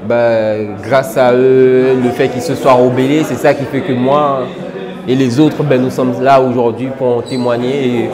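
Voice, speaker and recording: A man's voice: mid-range voice, long reverb tail. A man from French Guiana in a casual interview, earnest, with many filler words and restarts. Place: indoor exhibition gallery.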